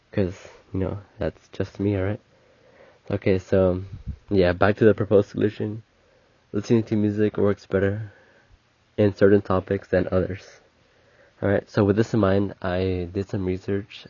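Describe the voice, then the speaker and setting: A man's voice: deep voice, mellow, no echo. A young man with a cold, hosting a casual solo podcast, rambling and correcting himself as he goes. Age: young adult. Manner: rambling, self-correcting, chatty. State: sick, stuffy nose. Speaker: podcast host, college student. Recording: muffled lo-fi sound.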